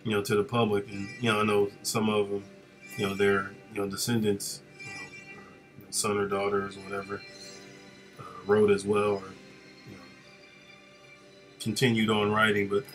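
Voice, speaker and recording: A man casually chatting with viewers of his live stream while he works, relaxed and rambling with lots of fillers. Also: fairly low pitch, normal speed, pauses often, faint music behind.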